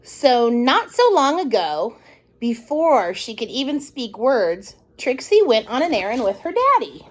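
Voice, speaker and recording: In an unhurried, slightly high voice, a woman shares a picture book with young children at storytime, reading expressively and pausing for casual asides.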